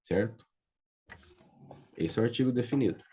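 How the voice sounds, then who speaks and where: Patient Brazilian teacher, muffled mellow voice. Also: male voice, medium pitch, moderate pace, slight background noise. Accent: Brazilian Portuguese. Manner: patient, checks understanding often with "tá?" and "certo?". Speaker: Biblical Hebrew teacher. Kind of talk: online class lecture. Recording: muffled lo-fi audio.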